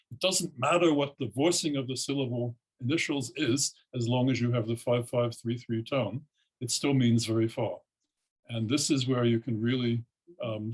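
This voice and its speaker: An older man giving an academic keynote lecture, explaining in a measured way with frequent pauses and ums. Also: medium pitch, slightly rough, low-quality recording. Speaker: keynote speaker, linguistics professor.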